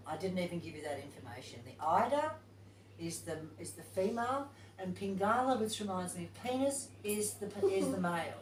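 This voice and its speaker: A woman's voice: medium pitch, slight background noise. A woman leading a yoga teacher training class, talking informally and thinking aloud as she reads to her group. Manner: chatty, informal, thinks aloud while reading. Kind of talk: casual group class talk. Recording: distant, echoey room recording.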